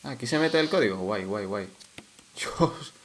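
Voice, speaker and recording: Excitable Canary Islands Spanish gamer. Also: male voice, on the low side, normal speed, background noise. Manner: excitable, swears and shouts at enemies. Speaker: let's play gamer. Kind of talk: casual gameplay commentary.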